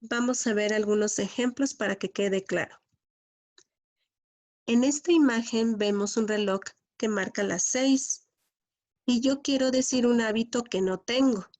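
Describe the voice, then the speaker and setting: Woman, English teacher, patient lesson, repeats key words, slow delivery. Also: on the high side, darkish tone.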